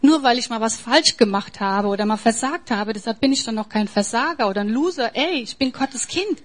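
A woman preaching a sermon in an emphatic way, swinging between soft, near-whispered passages and forceful, raised lines. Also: on the high side, a little fast.

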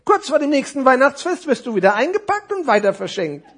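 A man's voice: very high-pitched, big pitch swings, brisk, fairly bright tone, voice pushed up, exaggerated voice. A man voicing a weary, know-it-all gift-wrapped necktie in a storybook tale, talking in a lecturing, impatient way. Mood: worldly-wise.

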